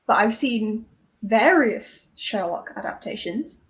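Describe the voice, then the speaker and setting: Higher-voiced woman, teasing and chatty. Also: slow, poor audio. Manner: animated, teasing, laughs a lot. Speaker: guest on a reading stream. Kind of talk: casual chat on a livestream.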